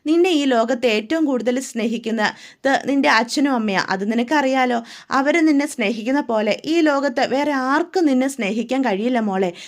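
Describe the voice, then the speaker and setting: A woman's voice: high-pitched, a little fast, natural voice. A woman voicing a caring older sister who patiently advises and warns her younger sister. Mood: advising. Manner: patient, advising, repeated questions.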